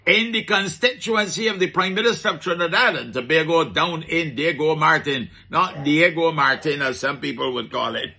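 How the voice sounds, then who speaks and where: A man's voice: high-pitched, sharp tone, husky. A middle-aged man with a Barbadian accent giving chatty comic commentary in a market vendor persona, full of rhetorical questions and dialect asides.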